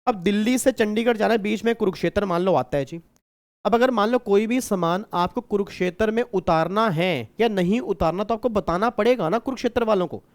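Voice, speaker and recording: A man's voice: sits high, a little fast. A man from India teaching a customs tax class online, repeating points and quizzing his students. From Kurukshetra, India. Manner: teasing, repetitive, asks the class questions.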